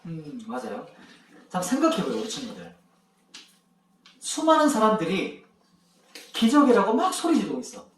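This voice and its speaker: A man's voice: sits high, huge pitch swings, moderate pace, long pauses, a little hiss or hum. A male pastor telling a Bible story to children, asking them questions as he goes. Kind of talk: children's sermon. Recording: echoey room, mic far off.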